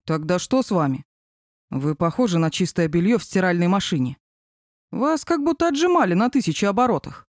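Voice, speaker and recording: A man's voice: high-pitched, very animated, fairly quick, dry recording. A woman voicing a brash, cheeky male office coworker in an audiobook. He teases in a raised voice. The recording is dry and close. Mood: teasing. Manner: cheeky, teasing. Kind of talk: audiobook character reading.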